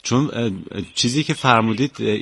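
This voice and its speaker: A man's voice: mid-range voice, vocal fry, fairly bright tone, slightly rough, no echo. A man hosting a radio interview who speaks with formal politeness. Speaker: radio host.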